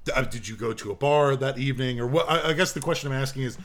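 A man in his twenties, co-hosting a casual podcast chat and telling stories with lots of laughter. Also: fast. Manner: animated storyteller, laughs often, acts out lines in a high voice. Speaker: podcast co-host. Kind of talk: casual chat about an old movie.

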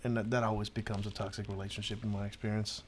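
A man's voice: lowish voice, flat delivery, fast talker. Guy rambling on a podcast, lots of restarts and swearing, bit of faint noise in back. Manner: rambling, many restarts and fillers, swears freely. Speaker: podcast co-host. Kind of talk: casual podcast chat.

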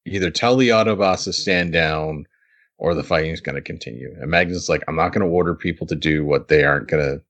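A man's voice: very deep voice, fast, a bit bright, muffled recording. A man co-hosting a podcast, chatting casually as he recaps an episode, laughing often and restarting his sentences. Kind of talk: casual chat.

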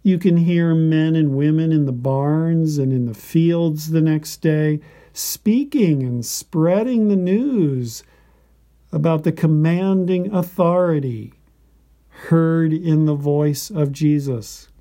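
A man delivers a scripted devotional narration. His voice is very dark and mellow, and he speaks slowly. Each phrase comes out deliberate and reverent. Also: on the high side.

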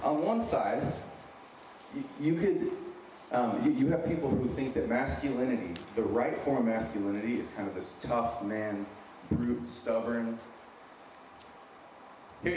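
Before an audience in a large, echoing room, a man in his thirties delivers an informal sermon, earnest and self-deprecating, with phrases repeated for emphasis. His voice is mid-range with a darkish tone, and his American accent has a faint Minnesotan edge; he was born in San Diego and grew up in Wyoming. The recording comes from a distant mic and is very echoey and noisy.

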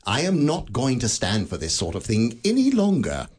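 An actor playing Scrooge, an elderly miser turned giddy and generous, laughing and lively in a radio play. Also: male voice, mid-range voice, normal speed, slightly rough. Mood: joyful. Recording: studio radio drama with faint music.

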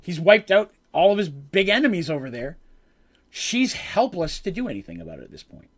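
A man's voice: high voice, sing-song, a little fast, a bit bright. A man telling how a tabletop game session played out, as its game master, in a rambling way with frequent ums and self-corrections.

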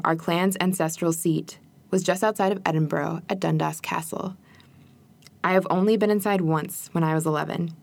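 A woman from rural Wisconsin giving a measured, reflective scripted documentary narration. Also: sits low, no room sound.

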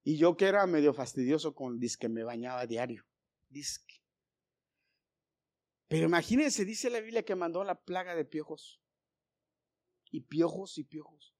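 A man's voice: on the high side, expressive, normal speed, pauses often, a little mellow. A middle-aged man preaching a sermon, telling stories with jokes and calling his listeners brothers. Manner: storytelling with jokes, addresses congregation as brothers.

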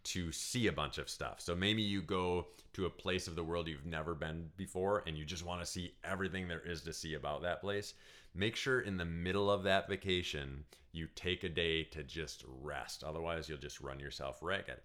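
A man with a low, relaxed voice co-hosts a casual couple podcast. He talks in an easygoing way and often laughs between points. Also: moderate pace. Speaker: podcast co-host.

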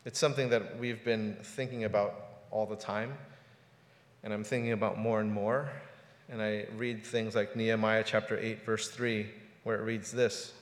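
In a church sanctuary with roomy hall reverb, a pastor in his forties preaches a sermon casually and conversationally, often repeating words. His voice is fairly low, level in tone, at normal speed.

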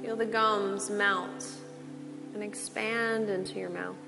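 A woman teaching yoga, giving slow, gentle relaxation cues with long pauses. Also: medium pitch, steady tone, gravelly. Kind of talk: guided relaxation instruction. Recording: long reverb with soft music.

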